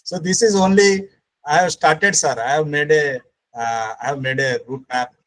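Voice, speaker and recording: This speaker at a faculty training session is a man with an Indian accent, lecturing online through a call microphone. His slightly high, somewhat bright voice moves at a moderate pace, and he repeats himself with emphasis, frequently saying "sir" to the listener.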